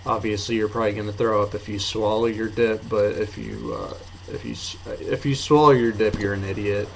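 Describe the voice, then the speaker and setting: Low, monotone young man with a packed lip. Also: fairly quick, creaky. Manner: low-key, hesitant, offhand. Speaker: amateur video reviewer. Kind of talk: casual rambling review to camera. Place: apartment bedroom. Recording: noisy room sound.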